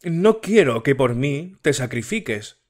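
A sickly young woman, tearful and pleading, performed by a man reading an audiobook. Her voice sits noticeably higher than the reader's usual tone. She speaks slowly and clings to every word. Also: sing-song.

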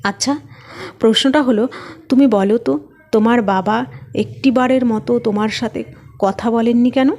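A woman speaking as a reserved young husband in a spoken storybook. His lines come out calm and measured, close to the reader's own voice. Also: on the high side. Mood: guarded. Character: young husband, guarded and probing.

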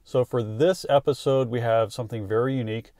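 A man's voice: medium pitch, steady tone, fairly quick, dark tone, no room sound, studio quality. A man from the American South in his thirties, hosting a family road-trip vlog with eager narration to a dashboard camera while driving. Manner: enthusiastic, talking straight to camera while driving. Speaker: travel vlog host. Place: inside a car.

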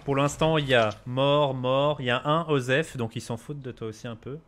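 A man streaming a game live, talking to chat and friends, excitable and swearing often. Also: medium pitch, fairly quick. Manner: excitable, swears a lot, shouts when laughing.

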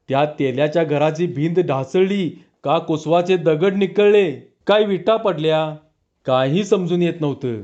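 A high-voiced man tells a comic village story with lively spoken delivery in rural dialect. The recording sounds dull and lo-fi, as if the top end has been cut off.

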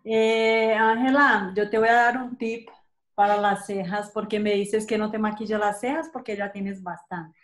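A Colombian woman in her thirties hosts a casual live makeup chat, seated at a desk in a small room and picked up by a webcam at desk distance. Her Colombian-accented voice is mid-range, fairly even and unhurried, and she chats away, often tagging questions with "¿sí?".

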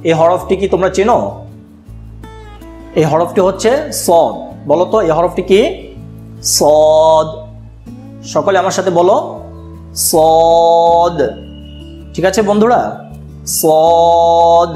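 A man teaching young children an online lesson. He talks slowly and patiently and repeats each sound for the children to copy. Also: sits high, darkish tone, reverberant, faint music behind.

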